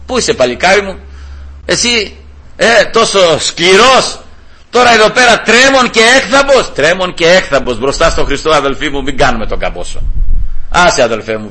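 Man preaching a lively Bible story. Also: a little high, rough recording. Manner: lively storytelling, acts out quoted voices, addresses brothers. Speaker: lay preacher. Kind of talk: informal sermon retelling a Bible story.

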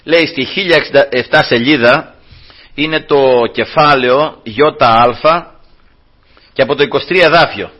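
A man's voice: medium pitch, sharp tone, lo-fi sound. A male preacher delivering a sermon, retelling a Bible story with rhetorical questions and calling his listeners brothers. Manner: addresses listeners as brothers, rhetorical questions, voices characters in quotes.

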